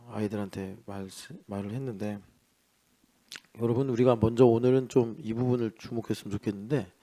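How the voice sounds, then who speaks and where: A male pastor preaching an early-morning sermon in a chatty way, asking rhetorical questions and swinging between loud and soft. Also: fairly low pitch. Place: church.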